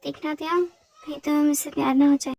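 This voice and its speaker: A woman's voice: high voice, level tone, fast talker, creaky, a little mellow, no echo. A woman voicing a stubborn, sulky young woman in a fan audio drama, defiant and pouting. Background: background music.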